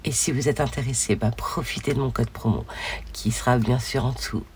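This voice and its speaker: A hoarse woman hosting a casual crafting video, chatting along with many fillers as she shows her pieces. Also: rumbling low, brisk, a little hiss or hum.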